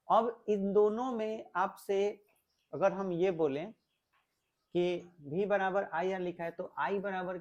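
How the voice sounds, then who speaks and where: A male physics teacher with a high voice gives a classroom lecture, explaining step by step and asking the class questions.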